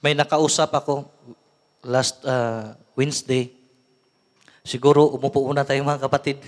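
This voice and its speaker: A man's voice: medium pitch, flat delivery, a little slow. Filipino man preaching in a reverberant hall. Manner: mixes English into talk, frequent "no?" tag questions. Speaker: lay preacher. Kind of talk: conversational healing sermon.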